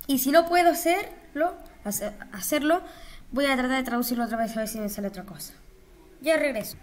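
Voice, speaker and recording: A woman's voice: high voice, animated, fairly quick. A young woman, chatting casually as she talks herself through editing block textures, with flustered exclamations. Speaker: YouTuber.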